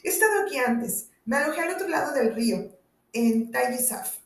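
A woman's voice: sits high, lively intonation, normal speed. Shy polite American hiker, read by a woman. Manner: polite, few words. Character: quiet, shy American hiker, grown man. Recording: roomy audio from a distant mic.

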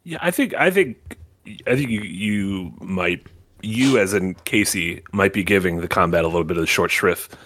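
A man with a fairly low voice joins a podcast chat about games. He lays out his argument steadily and at length. The sound is dry and close. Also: normal speed, a bit bright, no room sound. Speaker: podcast panelist.

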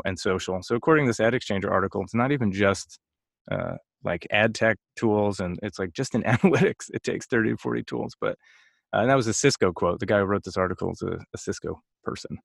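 A man in his late thirties with a low voice, talking in a loose, rambling way and cracking jokes as he goes. His voice sits close and dry on the mic. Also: no echo. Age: 30s. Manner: rambling and jokey, thinking aloud. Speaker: podcast co-host. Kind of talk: casual chat.

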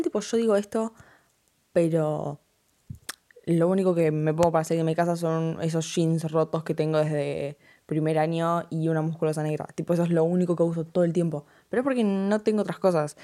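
A woman's voice: fairly low pitch, mellow. Blunt Argentine girl ranting on fashion. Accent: Argentine Spanish. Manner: blunt, dismissive, repetitive "no, no". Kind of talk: casual opinion vlog.

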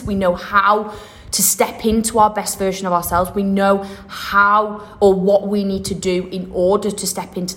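A young woman hosting a self-help podcast, talking in an upbeat, encouraging way, rambling and correcting herself as she goes. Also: mid-range voice. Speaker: podcast host.

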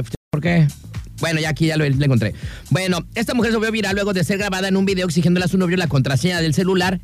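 A Mexican radio host jokes his way through the news in loose, slang-filled chat. He fills his pauses with lots of "este" and "eh". His voice sits on the high side over faint background music. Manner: slangy, joking, many fillers. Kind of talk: casual radio talk.

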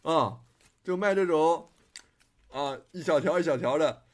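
A man's voice: on the high side, a little slow. A man hosting a casual, joking show-and-tell chat in a playful way, often repeating his phrases.

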